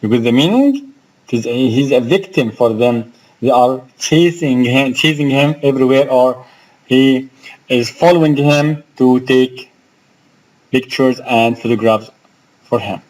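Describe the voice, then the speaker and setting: A man's voice: mid-range voice, a little mellow, poor audio. A man with an Egyptian accent who teaches English vocabulary, spelling out words and asking his students questions. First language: Arabic. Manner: slow, explaining, spells out words and asks the class questions. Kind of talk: vocabulary lesson.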